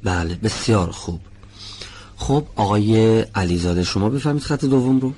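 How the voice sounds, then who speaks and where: A man teaching Quran recitation in a classroom lesson, patiently demonstrating sounds and reciting words in a slow, drawn-out chant. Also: on the low side, a little mellow, husky.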